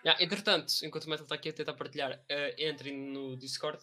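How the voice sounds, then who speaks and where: Very bright, sharp-voiced young Portuguese man. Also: a little high, steady tone, fast, faint music behind. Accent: European Portuguese. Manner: slangy. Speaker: live stream and podcast co-host. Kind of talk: casual banter on a live stream.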